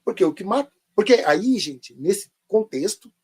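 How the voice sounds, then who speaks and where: A man's voice: sits high, big pitch swings, a little slow, darkish tone, husky. A man teaching a live online Bible lesson, sarcastic and full of rhetorical questions.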